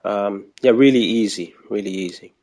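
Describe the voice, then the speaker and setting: A man's voice: fairly low pitch, normal speed, darkish tone. A man from Aruba with an Aruban accent, chatting casually in an interview and often searching for words. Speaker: podcast guest.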